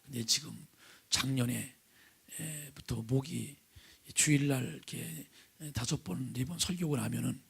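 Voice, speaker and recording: Speaking unhurriedly in a mid-range voice, a middle-aged pastor preaches a sermon that begins with prayer from the pulpit of a church sanctuary. Vocal nodules make him raspy and gravelly, and he often fades to a breathy near-whisper while questioning the congregation.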